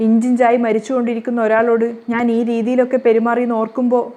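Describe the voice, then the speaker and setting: A tearful, remorseful young woman from a soap-serial recap begs her mother figure for forgiveness in a slightly high voice, as a woman narrator reads her lines. Her delivery is earnest and pleading, and her words keep returning to "mother". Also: flat delivery, fast talker, dark tone, lightly acted.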